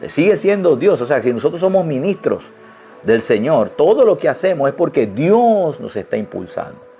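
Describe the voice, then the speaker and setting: A male pastor preaching a sermon with lively exclamations and rhetorical questions, addressing his congregation directly. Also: a little high, moderate pace, faint music behind.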